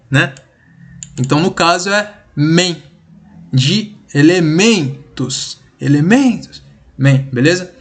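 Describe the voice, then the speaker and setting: Casting: Brazilian male teacher, voice on the high side, relaxed slangy delivery. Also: slow pace, long pauses. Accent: Brazilian Portuguese. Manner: informal, slangy, checks in with "beleza?" constantly. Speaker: literature teacher. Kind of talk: casual online class.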